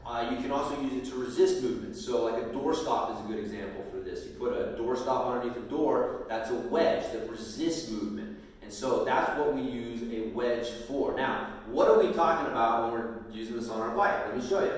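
A middle-aged man coaching on bike handling in a loose, demonstrative way, pausing on fillers as he goes. His voice sits at a mid pitch and rings around a very echoey, hard-surfaced home gym. He is picked up from a camera some distance away, with a long reverb tail. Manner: casual, demonstrative, frequent fillers. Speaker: mountain bike strength coach. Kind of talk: instructional video talk. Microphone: far camera. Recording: echoey room from far off.

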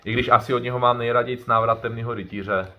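A man's voice: mid-range voice, steady tone, muffled recording, slight background noise. A man chatting casually as he unboxes items for his vlog, rambling and correcting himself as he goes. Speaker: YouTuber doing an unboxing.

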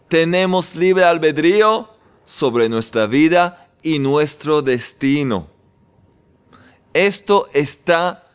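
Man, rabbi sermon, earnest, exhorting, resonant, slightly high. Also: smooth. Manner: earnest, exhorting, acts out quoted voices. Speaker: rabbi teaching on faith. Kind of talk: spoken sermon.

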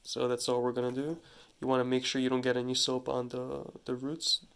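A hydroponics gardening channel host gives a casual how-to demonstration at a running sink in his home kitchen, the tap water audible. His mid-range voice is gravelly yet smooth and stuffy from a cold, and his flat, relaxed delivery is halting, with restarts and self-corrections.

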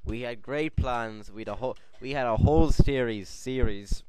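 A man's voice: mid-range voice, normal speed, a little mellow, clean tone, dry recording. A tipsy young man hosting a homemade web show, rambling with mock-pompous speeches.

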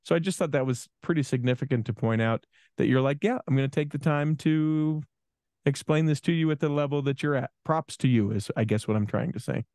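A man's voice: a little high, fairly quick, darkish tone, dry recording. A man in his forties, a podcast co-host in casual conversation, speaking reflectively with frequent restarts into a studio microphone. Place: small studio room. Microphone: studio microphone with headphones.

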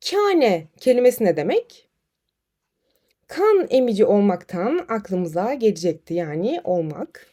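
A woman teaching Quranic vocabulary in an online lesson, explaining memory tricks and reading short dialogues aloud. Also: a little high. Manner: lively, addresses students as friends, reads dialogues aloud.

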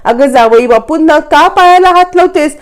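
A woman's voice: sits high, expressive, normal speed, voice pushed up. A woman narrator voicing an indignant middle-aged mother scolding her daughter in a raised, stern voice.

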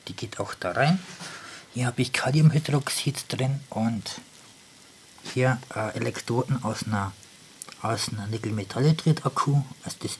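A man giving casual commentary on his hands-on experiments, halting and thinking aloud, often repeating and rephrasing himself, recorded indoors on a handheld camera. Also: mid-range voice, a little hiss or hum. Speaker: hobby tinkerer presenting experiments.

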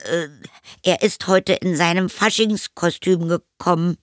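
A woman's voice: lowish voice, steady tone, measured pace, no echo, studio quality, voice pushed up, close to an everyday voice. A woman voicing a flustered young boy in an audiobook reading, stammering and evasive as he hides a secret. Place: studio.

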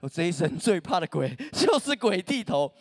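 A man's voice: sits high, very animated, normal speed. A man, preaching a humorous sermon as a pastor, telling stories with self-mocking jokes. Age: 30s. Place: church stage.

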